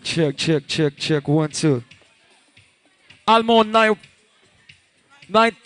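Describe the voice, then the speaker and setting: A man's voice: fairly high pitch, animated, drawn-out words, soft background music. A man with a Nigerian accent working as a hype man, calling out to a crowd on a microphone in a hyped, chanted promo style at a live lounge event. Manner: hyped, shouted promo delivery with short chanted call-outs.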